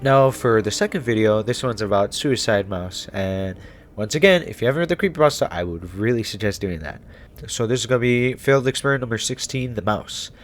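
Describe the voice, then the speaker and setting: With a fairly low, lively voice and a fairly quick delivery, this man presents a YouTube horror-series explainer. His style is casual, irreverent and chatty.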